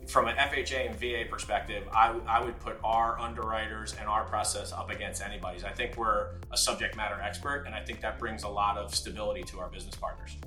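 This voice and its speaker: A man's voice: on the low side, steady tone, fast talker, few pauses, bright, forceful tone. A man answering an interview question for a sponsor segment, upbeat and confident. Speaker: sponsor guest, bank executive. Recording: roomy with faint music.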